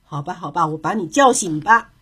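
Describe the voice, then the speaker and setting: A woman's voice: lowish voice, expressive, a little fast, a bit bright, husky, pitched below the performer's own voice, full character voice. A woman voicing a cunning, boastful male hare in a children's storybook, teasing and playful. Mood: cheeky. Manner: playful, teasing, then mock-pleading.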